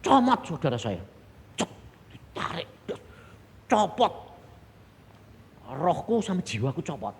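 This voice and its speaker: Animated preacher with a Javanese accent. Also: male voice, a little high, slow, creaky, long pauses. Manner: animated, swings from hushed asides to loud exclamations, chuckles. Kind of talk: sermon with personal testimony. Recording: long hall reverb, faint background noise.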